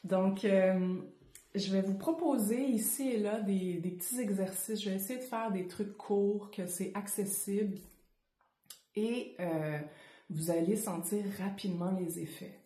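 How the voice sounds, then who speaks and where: A woman with a Quebec French accent teaching yoga breathing informally, speaking unscripted with frequent hesitant pauses. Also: medium pitch, dark tone. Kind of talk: informal guided breathing lesson to camera. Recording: roomy, echoing indoor sound.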